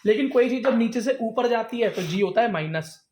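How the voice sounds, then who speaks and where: Over crowd noise, a man with a very high-pitched, lively voice teaches science to a class at a fairly quick pace. He asks the students questions, calls them "beta", and answers the questions himself.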